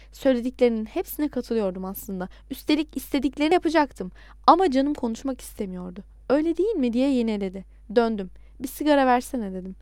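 A woman narrating a novel in an expressive storytelling manner. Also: a little high, no room sound. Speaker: audiobook narrator. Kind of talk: scripted audiobook narration.

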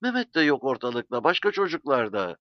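A man reading an audiobook voices a frightened, grieving village wife, raised high and pleading, with a dull, lo-fi sound. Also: sing-song, fairly quick, no room sound, close to an everyday voice. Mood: tearful. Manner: tearful, pleading, high-pitched.

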